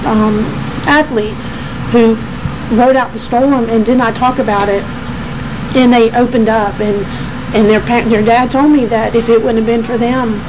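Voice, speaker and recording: A woman high school teacher and coach recalling events in an interview, heartfelt and halting. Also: fairly even intonation, background noise. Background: music.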